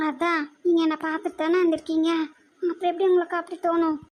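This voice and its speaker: A woman voicing an anxious, tearful young woman student in a cartoon, fretful and quick to argue. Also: very high voice, little pitch movement. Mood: upset, sulky. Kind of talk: cartoon voice acting.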